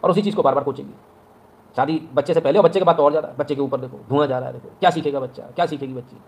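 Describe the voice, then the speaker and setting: A man's voice: on the high side, racing. A man with a Hindi accent giving blunt advice in a lecturing monologue, often asking "right?". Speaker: online news commentator.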